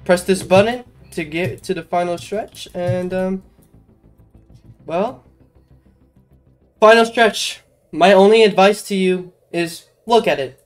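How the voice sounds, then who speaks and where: This is a laid-back game walkthrough commentary, informal and peppered with self-deprecating remarks. The mid-range voice takes its time and pauses often, while game music plays behind it.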